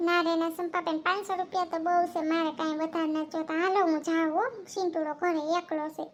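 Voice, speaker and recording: A woman's voice: extremely high pitch, fast, a little hiss or hum. A woman voicing a sly, wheedling cartoon housewife. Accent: Kathiawadi Gujarati. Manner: wheedling, flattering. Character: sly cash-strapped housewife borrowing money.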